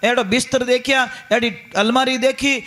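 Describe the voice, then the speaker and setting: A man's voice: very high-pitched, steady tone, normal speed, pushed and bright, pitched above the performer's own voice. A man with a Rajasthani accent voicing a boastful, scolding middle-aged mother-in-law who rattles off grievances during a sermon.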